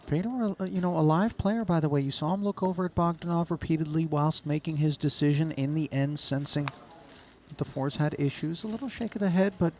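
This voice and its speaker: A man's voice: fairly high pitch, a little fast, darkish tone. A man commentating live on a poker tournament in wordy, florid phrasing.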